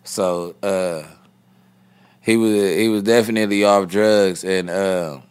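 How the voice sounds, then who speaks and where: A man's voice: sits low, steady tone, slow pace, a little mellow, smooth. A man guest in a casual interview, telling a story in heavy slang and acting out the quoted dialogue. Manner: slangy, repeats "you know what I mean". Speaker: guest rapper.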